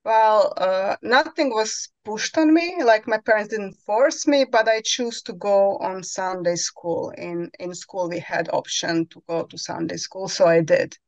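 A woman's voice: medium pitch, measured pace, few pauses, no echo, low-quality recording. A woman in her forties with a Croatian accent, a podcast guest speaking English as a second language, often searching for words, talking over a headset on a video call from home. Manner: searching for words, many fillers. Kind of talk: conversational interview. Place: home room, indoors.

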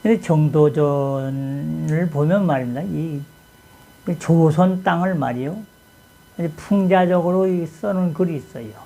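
Host, man from Chungcheong, Korea. Folksy rhetorical-question talker, gravelly and mellow, for a casual talk. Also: on the high side, a little slow, rough recording. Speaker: channel host. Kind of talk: casual talk on classic texts.

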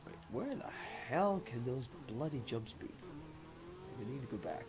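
A man with a hoarse throat, rambling casually through gameplay commentary with lots of fillers. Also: medium pitch, very animated, moderate pace. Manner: rambling, many fillers and self-mocking laughs. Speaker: game streamer. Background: game music.

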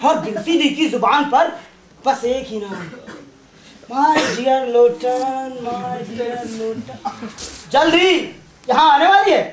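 A brash young man, showy and boastful, flaring into shouts, as an actor plays him on stage. His voice rides high, and the stage gives it a ringing echo. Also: lively intonation, takes it slowly, a crowd in the background, full character voice. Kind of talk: live stage play acting. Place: theatre stage. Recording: echoey stage.

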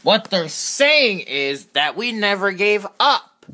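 A man with a husky voice play-acts cartoon-style characters in a halting, excitable way, stumbling and repeating words. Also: sits high. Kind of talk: improvised character play-acting for a fan video.

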